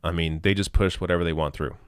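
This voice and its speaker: Answering super chats on a live stream, a male host thinks out loud, full of ums and restarts, clearing his throat as his voice fades. He talks quickly in a low, steady, clean voice, recorded dry with no room sound.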